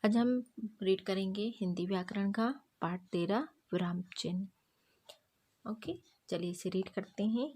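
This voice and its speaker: A woman's voice: mid-range voice, darkish tone, breathy edge. A woman teacher with an Indian accent reads a grammar lesson aloud to her students, explaining each point step by step and mixing English words into her talk.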